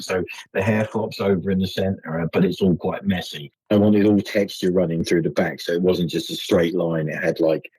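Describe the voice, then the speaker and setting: Man, northern English accent, deep, husky, chatty storyteller, dry sound. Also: warm tone, no echo, low-quality recording. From England. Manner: chatty storyteller, acts out quoted voices, laughs often. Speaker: podcast guest. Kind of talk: casual chat.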